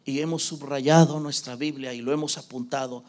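A pastor preaching a sermon, swinging from hushed near-whispers to shouting and acting out the voices of the people he quotes. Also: mid-range voice, steady tone, normal speed.

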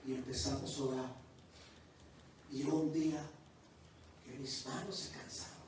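A man who is a pastor, preaching a sermon that moves from quiet testimony to loud, fervent preaching. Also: mid-range voice, level tone, normal speed, slight background noise. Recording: distant, very echoey church hall.

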